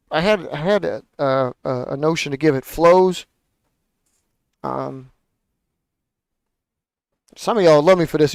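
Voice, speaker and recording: A man's voice: a little high, clear, resonant tone, no room sound. A man hosting a paper airplane show, talking in a rambling, profane, exasperated rant. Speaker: podcast host building paper planes. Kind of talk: casual ranting chat.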